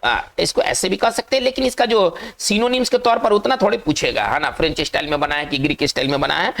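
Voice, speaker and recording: A man teaching English vocabulary in a classroom-style lecture, repeating words slowly and tagging sentences with questions. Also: high voice, gravelly, fairly bright tone.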